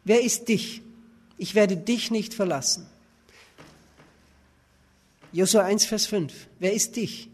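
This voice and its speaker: A man's voice: high voice, slow, long pauses, a little mellow, breathy edge. A man preaching a sermon, reading verses aloud and pressing his points with emphatic rhetorical questions. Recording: reverberant hall.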